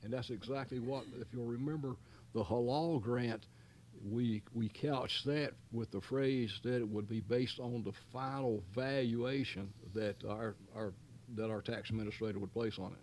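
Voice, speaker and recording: A middle-pitched man speaks as county manager at a public meeting, with faint noise behind him. He talks in a folksy, rambling way, full of fillers, restarts and homespun turns of phrase. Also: normal speed, darkish tone. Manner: folksy, long-winded, many fillers and restarts. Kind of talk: explaining at a public board meeting.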